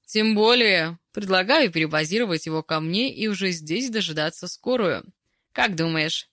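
A woman's voice: lowish voice, lively intonation, normal speed, dry recording, clean studio sound. A woman voicing a brash, teasing bulky woman. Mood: scheming. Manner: bold, teasing, loud.

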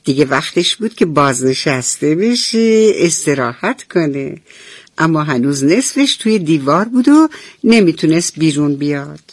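A woman's voice: deep voice, lively intonation, no room sound. A woman storyteller narrating a radio bedtime story, speaking tenderly and affectionately to children.

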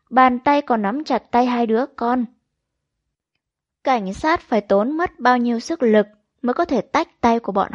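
A woman reading a crime novel aloud as an audiobook narrator, in an even, measured storytelling manner. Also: fairly high pitch, dry recording, lo-fi sound. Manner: even, measured storytelling with quoted dialogue read in.

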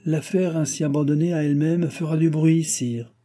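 A man's voice: fairly high pitch, steady tone, mellow, pitched above the performer's own voice, lightly acted. A man voicing a haughty, cold-blooded duke. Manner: cold, measured and unyielding. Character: cool, haughty male duke, a royal minister. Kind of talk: audiobook character reading.

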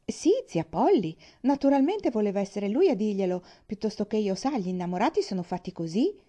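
A bubbly little girl, bursting with excitement and tumbling from one eager sentence to the next, as a woman reader puts her on. Her tone is soft and mellow rather than bright, lifted into a higher, sunnier register for the storybook. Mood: excited. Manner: bubbly, eager, breathless rushes of words. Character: cheerful excitable young girl, chatty.

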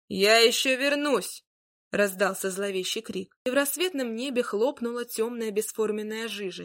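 Woman reading a fairy tale. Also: mid-range voice. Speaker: storyteller.

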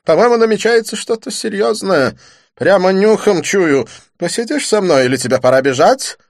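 A man's voice: high-pitched, animated, dry recording, studio quality, pitched above the performer's own voice. A man doing an affected French dandy. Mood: theatrical, languid. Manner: exclamatory and affected, drawn-out phrases. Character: theatrical, world-weary flamboyant French man.

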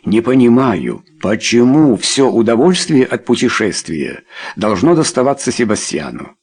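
A man voicing a teasing young gentleman. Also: medium pitch, sing-song, a little slow, slightly rough, exaggerated voice. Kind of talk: audiobook character voice.

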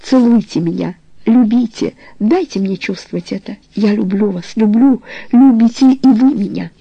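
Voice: mid-range voice, normal speed, vocal fry, warm tone, slightly rough, dry recording, dull audio. A reader voicing an impassioned young woman who implores her lover not to leave, in an audiobook. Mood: passionate.

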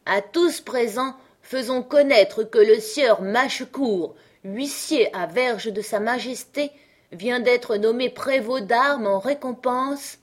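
A booming jovial drunk, as a woman reads him aloud. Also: animated, unhurried, darkish tone, husky. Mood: proclaiming. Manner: booming, boastful. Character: loud jovial drunken village surgeon, man.

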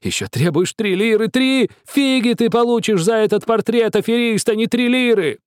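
A man voicing an old Greek cobbler, angry and whining, with a shrill, piercing voice. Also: expressive, moderate pace, clear, resonant tone, no echo. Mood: indignant. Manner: wailing, spiteful complaints.

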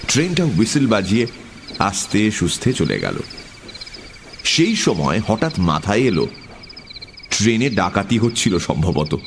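A man narrating an audiobook story in an expressive storytelling manner. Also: lowish voice, noisy background. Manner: expressive storytelling, tense at times.

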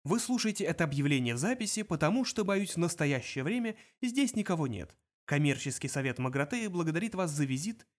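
A man's voice: on the high side, very animated, a little fast, few pauses. A silky, courteous recorded announcer, as a male reader puts him on, each polite phrase edged with cold menace. A storybook voice of charming threat. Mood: menacing.

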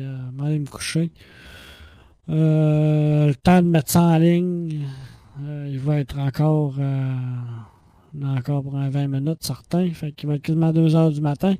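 Rambling Quebec podcaster, dark tone. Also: male voice, fairly high pitch, no room sound, clean studio sound. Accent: Quebec French. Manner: rambling, hesitant, swears casually. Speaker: podcast host. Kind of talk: casual late-night podcast monologue. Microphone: podcast microphone.

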